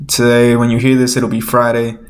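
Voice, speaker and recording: A man's voice: mid-range voice, completely flat delivery, brisk. A man with a nasal, slightly stuffed-up voice, rambling informally as he hosts an unscripted solo show. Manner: rambling, informal, thinking aloud. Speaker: host of a solo podcast. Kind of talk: unscripted casual chat.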